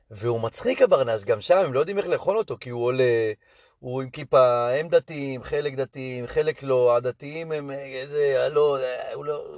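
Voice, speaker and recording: A man's voice: medium pitch, no room sound. A man talking casually as a comedian and host, telling stories about his gigs and acting out the people in them. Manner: animated, chatty, acts out dialogue in quoted voices. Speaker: stand-up comedian and podcast host. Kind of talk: casual storytelling monologue.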